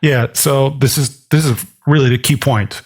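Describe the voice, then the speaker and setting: Podcast guest, man from Switzerland, gravelly, analytical, mid-pitched. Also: a little slow, darkish tone. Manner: dense, analytical, many restarts. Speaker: guest, author and portfolio manager. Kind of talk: podcast interview.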